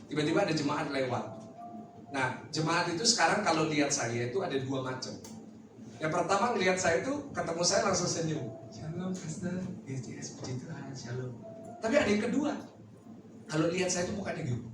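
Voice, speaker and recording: A man in his thirties, a pastor giving a lively testimony sermon and talking straight to the congregation with jokes. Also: fairly high pitch, quick pace. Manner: lively storytelling, addresses the listeners directly, jokes. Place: large church hall. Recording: very echoey hall, mic far off, music behind.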